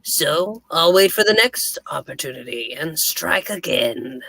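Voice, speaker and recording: A man's voice: fairly high pitch, lively intonation, a little slow, gravelly, sharp tone, no room sound, full character voice. A man voicing a scheming male supervillain in a chilling, gloating villain voice during a comic book reading.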